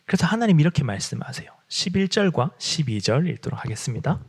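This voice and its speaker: A man preaching a sermon, who acts out heartfelt prayers in a hushed, breathy voice. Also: fairly high pitch, sing-song, quick pace.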